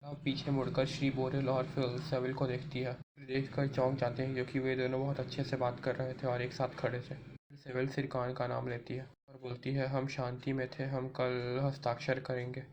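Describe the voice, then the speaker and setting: A man's voice: medium pitch, monotone, normal speed, noisy background. A man narrating an episode recap, retelling each scene and reading all the characters' lines himself.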